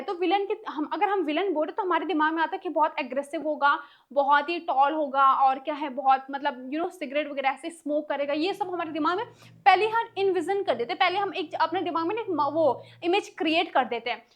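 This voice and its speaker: A high-pitched female English teacher tutors through a textbook story, reading slowly and casually explaining it in a mix of Hindi and English.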